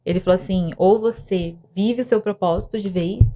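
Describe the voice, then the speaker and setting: A woman's voice: medium pitch, moderate pace, warm tone. A young woman, earnestly telling a personal story of faith and depression as a podcast guest, with many restarts. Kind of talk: emotional personal testimony.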